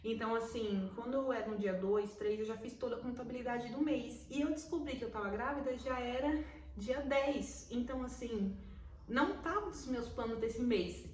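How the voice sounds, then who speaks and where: A woman's voice: a little high, moderate pace, darkish tone, a little hiss or hum. A young Brazilian woman with a Brazilian Portuguese accent, telling a personal story to camera in a casual, emotional way and repeating words for emphasis. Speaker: vlogger. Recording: roomy echo, mic at a distance.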